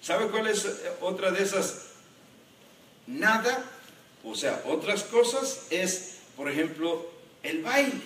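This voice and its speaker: A man, a pastor, preaching a sermon in an animated way and joking with the congregation. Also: high voice, slow, pauses often, a little hiss or hum. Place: church. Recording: echoey church hall from a distance.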